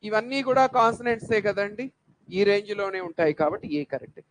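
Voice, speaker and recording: Man, high voice, english teacher, asks and answers his own questions, drills sounds. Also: lively intonation, fast talker, a little hiss or hum, low-quality recording. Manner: poses rhetorical questions then answers them; drills words by repeating sounds. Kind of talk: classroom-style grammar lesson.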